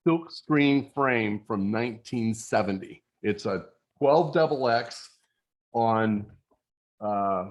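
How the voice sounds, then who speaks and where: A man in his sixties, a guest telling technical stories from his long career in a relaxed way over a video call. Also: fairly low pitch, takes it slowly. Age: 60s. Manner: relaxed storyteller, technical and anecdotal. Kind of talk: casual chat.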